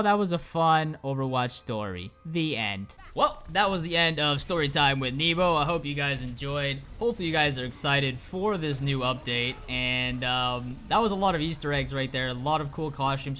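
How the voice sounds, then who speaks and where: A man's voice: fairly high pitch, sharp tone. A young man recapping a comic as a casual story on his channel, rambling with lots of "and then, uh". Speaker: YouTuber.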